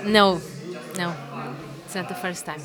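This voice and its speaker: A woman's voice: fairly low pitch, fairly even intonation, measured pace, fairly bright tone, soft background music. A woman from Portugal, answering interview questions in a hesitant way with many fillers and restarts. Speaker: interviewee, amateur musician. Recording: crowd chatter behind.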